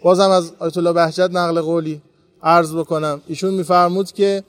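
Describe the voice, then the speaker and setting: A man's voice: on the high side, flat delivery, no room sound. A man preaching to pilgrims at a shrine, telling stories in an earnest, heartfelt way. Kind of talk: devotional talk to pilgrims.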